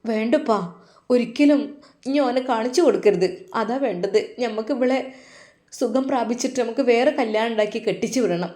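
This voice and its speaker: A protective grown daughter speaks firmly and earnestly in a clear voice, as a woman puts her on. She has a Malappuram Malayalam accent. The room adds a noticeable echo. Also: on the high side, a little fast, mellow, close to an everyday voice. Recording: roomy echo.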